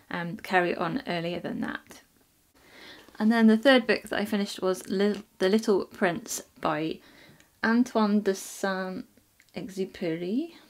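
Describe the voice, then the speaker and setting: A woman talking casually about books she has read, with frequent ums and restarts. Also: mid-range voice. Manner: chatty, many ums and restarts. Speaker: book reviewer. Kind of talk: casual book review vlog.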